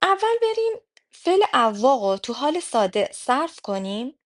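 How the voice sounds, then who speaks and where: Woman teaching French grammar slowly. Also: sits high, sing-song. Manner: slow, careful repetition of example phrases. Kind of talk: explanatory language lesson.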